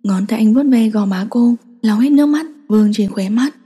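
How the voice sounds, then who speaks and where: A woman narrating an audiobook romance in a steady storytelling manner. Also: on the high side, normal speed, breathy edge. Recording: long hall reverb.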